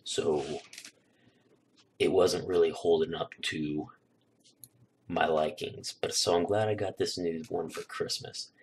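A man's voice: deep voice, slow, long pauses, slight background noise. A young man casually telling a holiday story on his vlog, rambling with lots of fillers, recorded on a new desk microphone. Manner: relaxed, rambling, filler-heavy. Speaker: YouTuber.

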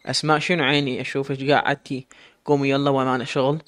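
Brief: scornful woman giving rapid orders, voiced by a man. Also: mid-range voice, little pitch movement, fairly bright tone, close to an everyday voice. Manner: scornful, bossy. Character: harsh bossy sheikh's wife.

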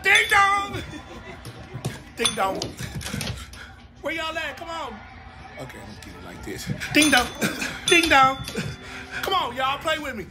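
With huge pitch swings, an unhurried pace and frequent pauses, a man gives pets funny voices. He hams it up in a goofy, slangy drawl. Music plays under the voiceover.

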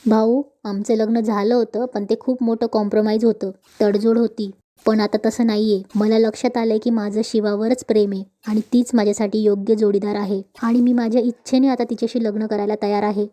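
A determined young groom, as a woman reads his lines in a serial recap. The delivery is steady and even, with a mellow tone. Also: medium pitch, brisk, few pauses, natural voice. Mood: earnest. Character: young husband, earnest and determined.

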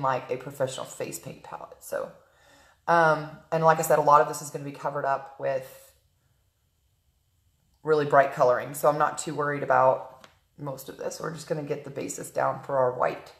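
A woman giving a casual live makeup tutorial from home, talking viewers through each step, greeting them by name and filling pauses with "um". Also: deep voice, creaky. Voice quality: chatty, frequent "um" fillers, greets viewers by name mid-sentence. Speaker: makeup artist livestreaming a tutorial. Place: at home in a room, early morning. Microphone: tablet camera on a stand. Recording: roomy echo.

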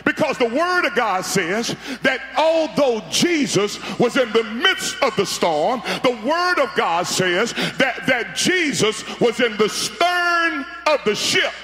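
A middle-aged pastor with an extremely high, bright, forceful voice preaches into a handheld mic on a large arena stage. His sermon is fiery, packed with repeated words and appeals to the crowd, and the arena sound is echoey.

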